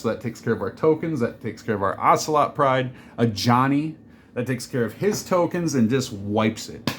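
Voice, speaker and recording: A man's voice: medium pitch, a little hiss or hum. A man casually walking through a card game deck, rambling and joking, with many fillers and digressions. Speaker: deck reviewer.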